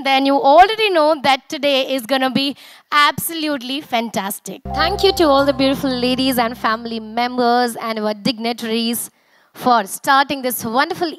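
A young woman with an Indian accent works as a stage emcee at a corporate event. Her voice is high and comes through dry and close on the microphone. She announces with energy, projecting out to rouse the audience. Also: no echo. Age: young adult. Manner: energetic, projected, rousing delivery. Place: large auditorium stage. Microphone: handheld and podium microphone.

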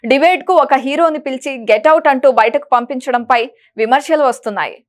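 A woman presenting entertainment news, reading a script in a brisk, even manner. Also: high-pitched.

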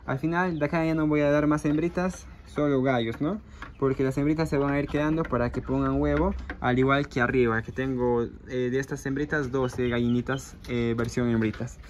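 This man's voice is medium-pitched and steady at a normal pace, with some light background noise. He's a small-scale poultry farmer vlogging casually by an outdoor chicken coop, chatting to viewers as friends with frequent fillers while hens and roosters cluck faintly nearby.

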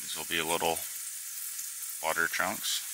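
A man's voice: extremely low pitch, a little slow. A young man vlogging a fishing and camping trip, talking into a handheld camera inside a tent in the woods. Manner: excited, worn-out outdoorsman talking to camera. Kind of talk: casual vlog narration. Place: inside a tipi hot tent in a forest. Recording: noisy outdoor camera audio with sizzling pan.

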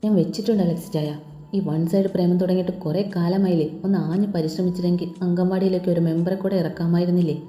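A woman's voice: fairly low pitch, steady tone, quick pace, dark tone, natural voice. A woman voicing a playful young woman teasing a friend. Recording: echoey lo-fi room with faint music.

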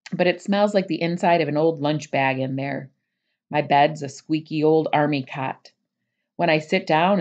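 A woman teacher reading a children's novel aloud to her class, expressive and lively with the narrator's asides. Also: low-pitched, lo-fi sound.

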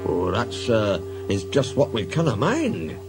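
A man's voice: fairly low pitch, wildly swooping pitch, a little slow, over music. A man voicing cheeky male twin engines with a Scottish accent, sounding sly and innocent.

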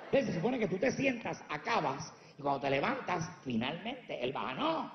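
A man's voice: sits high, big pitch swings, normal speed, reverberant, in a large hall, dull audio. A man from Puerto Rico with a Puerto Rican accent doing brash, profane stand-up comedy before a live audience, teasing the crowd. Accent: Puerto Rican Spanish.

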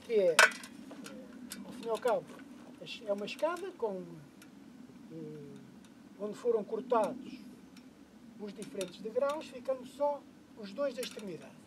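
A middle-aged man with a European Portuguese accent walks through a DIY job one step at a time, in a voice that sits a little high for a man. He speaks into a clip-on mic on an open lakeshore, with a faint hiss of noise underneath. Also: sing-song, measured pace, pauses often. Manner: patient step-by-step explaining, occasional hesitations. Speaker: kayak fishing channel host. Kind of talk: DIY how-to narration. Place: outdoors on a lakeshore.

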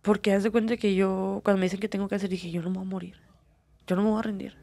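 Young Mexican woman, fighter guest, gravelly edge, dry close sound, heartfelt and candid. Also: mid-range voice, level tone, fast, dark tone, dry recording. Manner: earnest, emotional storytelling with many fillers. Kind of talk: candid personal interview.

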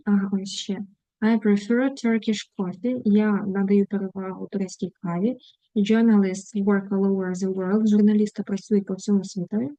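A woman's voice: mid-range voice, warm tone, no room sound, low-quality recording. A woman with a Ukrainian accent, an English teacher reading out words and translating them during an online lesson.

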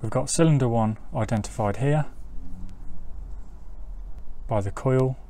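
This outdoor driveway recording, with clear ambient noise, captures a middle-aged mechanic giving an informal, step-by-step technical tutorial. He talks at a measured pace in a warm, medium-pitched voice.

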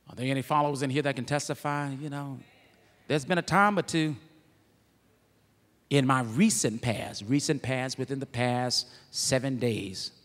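A man preaching a sermon as pastor, moving from quiet, conversational asides to loud, shouted peaks. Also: mid-range voice, normal speed, long reverb tail. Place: church sanctuary.

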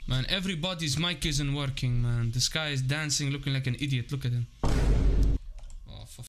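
A man trolling strangers on a video chat, loud and provocative with stammering restarts. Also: medium pitch, normal speed. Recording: noisy video chat audio.

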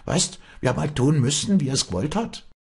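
A meek farm maid hurries through an apology in a raised, rushed voice, as a husky-voiced man puts her on. She sounds cowed, speaking in rural dialect. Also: on the high side, lively intonation, pitched above the performer's own voice, exaggerated voice. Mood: apologetic. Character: timid, submissive farm maidservant.

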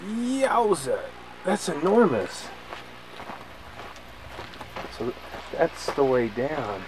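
A man's voice: fairly high pitch, very animated, slow pace. A man filming himself on a forest trail, narrating with playful mock-dramatic asides on a handheld camcorder. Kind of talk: jokey handheld hiking commentary. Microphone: handheld camcorder mic. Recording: noisy outdoor camcorder audio.

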